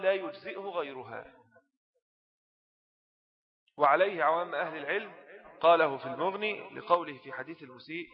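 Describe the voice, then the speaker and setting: A man's voice: a little high, dull audio. Egyptian man teaching a jurisprudence lesson. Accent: Egyptian Arabic. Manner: explains text in colloquial asides, often asks rhetorical questions. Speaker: religious teacher.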